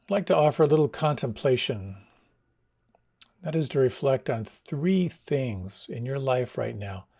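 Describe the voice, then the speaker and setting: Gravelly, mellow-voiced male meditation guide. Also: mid-range voice. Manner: slow, soft, soothing instructions.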